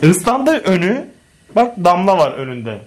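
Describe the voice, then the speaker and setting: Excitable high-voiced man vlogging at home. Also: unhurried, noisy background. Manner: excitable, exclamatory, chatty. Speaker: family vlogger. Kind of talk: casual home vlog addressing viewers. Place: home living room with a sofa. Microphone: handheld camera.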